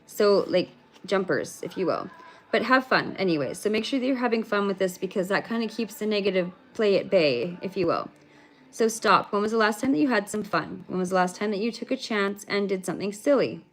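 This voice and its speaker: A woman's voice: mid-range voice, animated, brisk. A woman giving a livestreamed spiritual card reading in a rambling, casual way, swearing freely. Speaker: spiritual reader.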